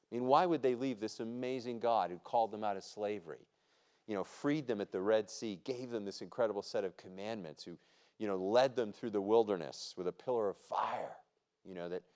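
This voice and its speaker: A man's voice: on the low side, a little mellow. A man, a pastor, leading a Bible study in a conversational way and putting questions to his group. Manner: conversational, asks the group questions, many restarts. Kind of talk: teaching Bible study talk.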